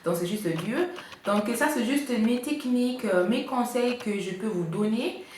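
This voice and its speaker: A woman's voice: fairly high pitch, animated, measured pace, darkish tone. Female vlogger from Congo, casual advice chat, hesitant, very echoey room with faint noise. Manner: chatty, with frequent hesitations. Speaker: vlogger giving couple advice.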